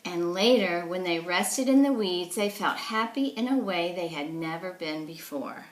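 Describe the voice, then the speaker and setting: A woman's voice: lowish voice, animated, unhurried, roomy sound. A woman reading a storybook aloud to young children as their teacher, explaining things simply and checking in with questions.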